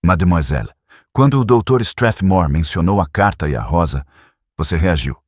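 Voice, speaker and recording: A man doing a calm, precise old detective. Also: sits low, no echo, studio quality. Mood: probing. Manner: measured, gently probing. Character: shrewd elderly male detective, calm and precise. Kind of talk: audiobook character reading.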